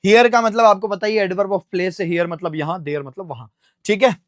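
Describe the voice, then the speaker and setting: In a classroom vocabulary lesson, an Indian English teacher with a high voice and steady tone explains things step by step, raising questions and answering them himself. He spells words slowly, one letter at a time. The audio is studio quality with no echo.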